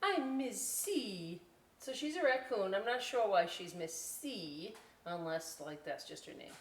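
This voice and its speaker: With a lowish, sing-song voice at a normal speed, a woman leads library story time, reading playfully and informally and often adding "right?" alongside chatty remarks for kids. The room is echoey, recorded from a distant mic with faint background noise.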